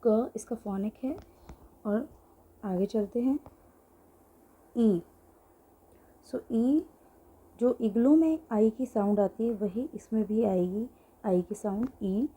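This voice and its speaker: A woman's voice: on the high side, animated, slow pace, warm tone, husky. A woman teaching an online language lesson, explaining patiently while writing things out and mixing in English phrases. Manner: writes on a board while explaining.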